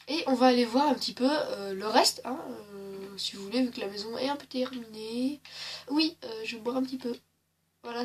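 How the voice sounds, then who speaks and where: A woman with a slightly sore throat giving chatty, joking gameplay commentary, full of hesitations. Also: fairly high pitch. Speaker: gaming channel host.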